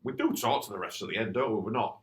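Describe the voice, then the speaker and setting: A man with a fairly low voice co-hosts a casual podcast. He speaks plainly and a little frustrated, often stumbling and restarting his sentences. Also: very animated, fast talker. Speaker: futsal coach and podcast co-host.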